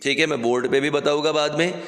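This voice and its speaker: A male teacher giving a science lesson, slowly dictating definitions and changing his loudness to demonstrate. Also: a little high, fairly even intonation. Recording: echoey room with long reverb.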